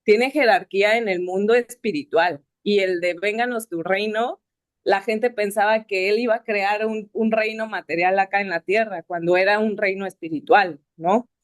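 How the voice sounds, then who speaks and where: A woman's voice: medium pitch, steady tone, moderate pace, dry recording, studio quality. A woman sharing a reflective personal testimony, often ending phrases with a questioning tag. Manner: reflective, with many filler "no?" tags. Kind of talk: personal testimony at a spiritist study group.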